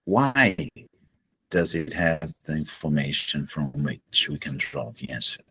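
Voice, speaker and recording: In a low-quality home recording, a Portuguese-native astrology teacher delivers a solo explanatory lecture in a slow, husky voice that's sing-song and a bit bright. He's deliberate and measured, leaving pauses between phrases.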